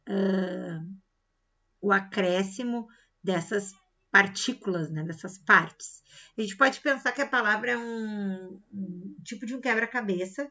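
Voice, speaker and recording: A woman's voice: medium pitch, sharp tone. A woman with a Brazilian Portuguese accent teaching a recorded grammar lesson, explaining step by step and checking in with frequent "tá?" and "né?". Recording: slightly dull lo-fi sound.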